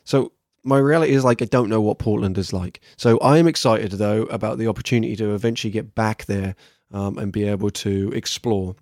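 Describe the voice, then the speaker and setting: A man's voice: lowish voice, fairly quick, darkish tone, no echo, studio quality. A man from England with an English accent, talking casually and candidly as a solo podcast host reflecting on his work. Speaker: podcast host, workshop trainer.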